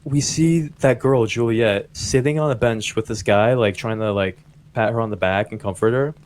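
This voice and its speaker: A young man co-hosting a podcast, telling a story in a loose, rambling way. He fills his sentences with "like" and acts out what people said. His pitch sits in an everyday middle range. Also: moderate pace, a little hiss or hum. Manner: rambling, heavy use of "like", animated quoting. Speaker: podcast co-host. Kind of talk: casual storytelling chat.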